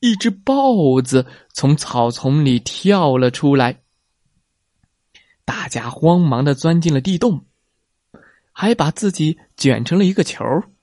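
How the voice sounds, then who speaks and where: A man reads a children's story aloud at an unhurried pace. His voice moves a lot, and he adds playful sound effects. The recording is dry and close to the mic. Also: a little high, sing-song, a little mellow, no room sound. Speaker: narrator.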